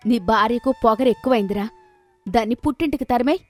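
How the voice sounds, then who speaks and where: A woman voicing a quarrelsome, self-pitying old village mother-in-law in a cartoon, scolding loudly. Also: on the high side, fast talker, faint music behind, natural voice. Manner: loud, scolding, complaining. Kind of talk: cartoon voice acting.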